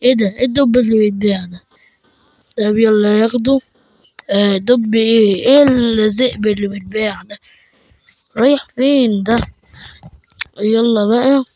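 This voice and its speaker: A male gamer with an Egyptian Arabic accent talks through his play in a chatty, excitable stream, now and then tipping into frantic repeated cries. His voice sits fairly high. The sound is dry and close, with no room in it. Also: normal speed, pauses often, no echo, highs cut off. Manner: chatty, excitable, bursts into panicked repeated shouts. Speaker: gaming channel host. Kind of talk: let's play commentary.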